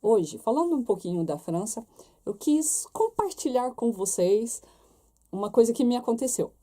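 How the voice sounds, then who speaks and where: Animated and somewhat high-pitched, with a dark tone and moderate pace, the young Brazilian woman speaks to her viewers in her Brazilian Portuguese accent. Her to-camera chat is casual and chatty, peppered with tag questions to check in with them.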